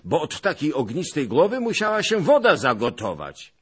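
A man voicing a boastful, blustering old nobleman who scoffs loudly and theatrically. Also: lowish voice, huge pitch swings, a little slow, slightly rough, voice pushed up, heavily acted. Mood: boastful scoffing.

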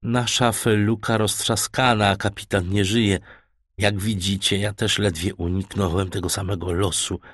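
Man reading a calm capable castaway sailor, lowish voice, dry. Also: normal speed, no echo. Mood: steady.

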